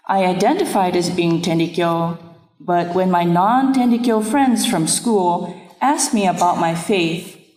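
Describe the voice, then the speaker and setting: A woman minister whose first language is Japanese, giving an earnest, reflective sermon in a measured way. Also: medium pitch, a little mellow. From Nepal. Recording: echoey room with long reverb.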